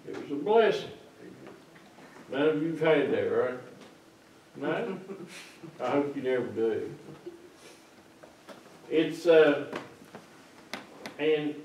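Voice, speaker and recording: An older man's voice, sitting on the high side with lively intonation, comes from a pastor seated among children in a small church as he delivers a folksy, teasing children's sermon. He speaks slowly with frequent pauses and a slightly mellow tone, over light background noise. A distant camera mic picks up the roomy church sound from far away.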